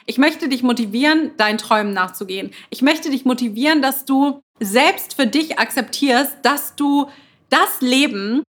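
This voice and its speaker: A woman's voice: fairly high pitch, fairly bright tone, breathy edge. A woman hosting a motivational podcast, talking without notes in an earnest, emphatic way, often repeating her phrases. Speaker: podcast host. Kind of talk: motivational podcast monologue, unscripted.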